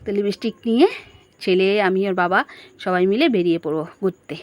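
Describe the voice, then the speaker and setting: A woman's voice: mid-range voice, fast talker, no echo. Woman vlogger, mid-range voice, chatty casual narration, dry close sound. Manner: chatty, talks straight to viewers, asking them questions. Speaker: family vlogger. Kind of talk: casual narrated home and outing vlog.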